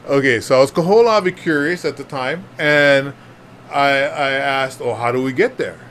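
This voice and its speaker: With a fairly bright, medium-pitched voice and a moderate pace, this Hawaiian panel speaker in his fifties shares his story with a group. His Hawaiian Pidgin-tinged English is chatty and self-deprecating, packed with fillers and laughs, and there's a little hiss or hum.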